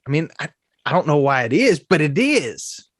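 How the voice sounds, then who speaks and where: Dude co-hosting a football podcast, bit high voice, super dry sound. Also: male voice, sing-song, normal speed, dry recording. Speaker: podcast co-host. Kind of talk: casual sports podcast chat.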